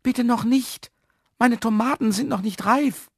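Man doing high, eager little gentleman. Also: animated, unhurried, no room sound, clean studio sound, exaggerated voice. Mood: excited. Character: small, cheerful man, hopeful gardener.

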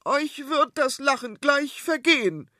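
Königin Serafina: Mann spielt schrille, herrische Königin. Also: male voice, very high voice, expressive, unhurried, pushed and bright, dry recording, studio quality, voice pushed up, exaggerated voice. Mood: indignant. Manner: shrieking, indignant. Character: shrill, imperious, self-righteous queen.

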